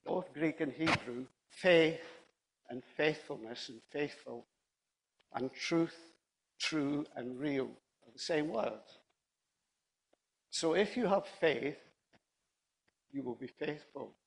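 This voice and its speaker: A man's voice: on the high side, takes it slowly, gravelly, pauses often, rough recording. A man preaching a sermon in a conversational, anecdotal way, often repeating and rephrasing himself.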